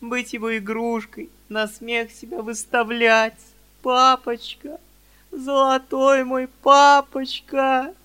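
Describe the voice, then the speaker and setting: Storybook: man doing a hot-tempered young girl, high and sharp, shouting. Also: monotone, slow pace, clear, resonant tone, full character voice. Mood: tearful pleading. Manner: shouting, indignant, tearful pleading. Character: fiery outspoken young girl defending her father.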